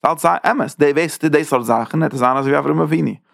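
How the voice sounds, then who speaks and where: A man giving an informal religious lesson, talking haltingly, restarting phrases as he searches for words and rising emphatically on key points. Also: on the high side, vocal fry, no echo, clean studio sound. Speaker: religious teacher. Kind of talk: informal spoken Torah lesson.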